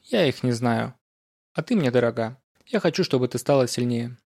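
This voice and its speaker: Narrator voicing a calm, gently teasing scholar friend; unhurried, near his own voice. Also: medium pitch, gravelly. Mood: warm. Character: calm, teasing older male scholar comrade.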